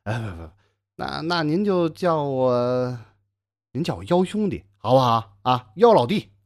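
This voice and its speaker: A man voicing a timid, fawning young scholar who stammers, speaking low and hushed. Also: big pitch swings, unhurried. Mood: meek pleading. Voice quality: low and hushed compared with the narrator. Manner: stammering, meek and pleading.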